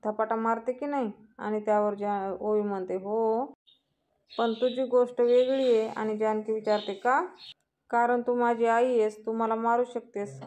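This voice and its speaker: A woman's voice: fairly high pitch, level tone, moderate pace, a little mellow. A woman retelling a TV serial episode scene by scene, steadily reading out each character's lines as she goes. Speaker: serial episode recap narrator.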